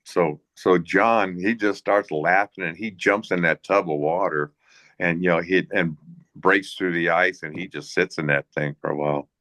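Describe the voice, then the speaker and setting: Guest storyteller: a low-voiced man, dry close sound, halting, full of restarts. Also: fairly even intonation, a bit bright, no echo. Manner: rambling, halting delivery with frequent restarts and chuckles. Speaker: guest, hunting guide and bush pilot. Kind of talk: casual anecdotal storytelling in a Q&A.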